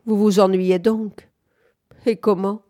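A woman's voice: medium pitch, level tone, slow, dark tone, no room sound, studio quality, voice pushed up, lightly acted. A woman reading aloud, voicing a nervous, fretful young woman in a plaintive, whining tone.

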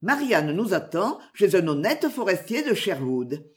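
An ardent young knight from a storybook, earnest with his beloved and curt with servants, read by a woman in her own voice. The delivery is lively, rising and falling through each sentence. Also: on the low side, unhurried. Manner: earnest, imperious.

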